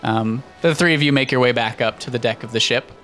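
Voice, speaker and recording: A man's voice: mid-range voice, quick pace, a bit bright, soft background music. A man narrating as game master of a tabletop game, loose and casual with fillers.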